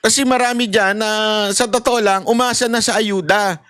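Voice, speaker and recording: A man's voice: high voice, steady tone, moderate pace, fairly bright tone, no room sound, studio quality. A man in impassioned political commentary, ranting and mocking, with laughs and acted-out voices. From Philippines.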